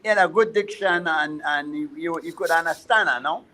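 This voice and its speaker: A man's voice: fairly high pitch, normal speed, background noise. A man with a Belizean Creole accent, hosting a casual conversation in an informal way. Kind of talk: casual chat.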